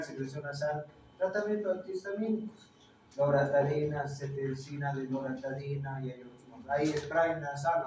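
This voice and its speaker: A middle-aged man with a Peruvian accent lecturing a classroom, a touch higher-pitched than most men. He keeps firing tag questions at his students between points. The room is very echoey and he sits well away from the mic, with a faint hiss behind. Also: darkish tone, far from the mic. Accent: Peruvian Spanish. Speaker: teacher.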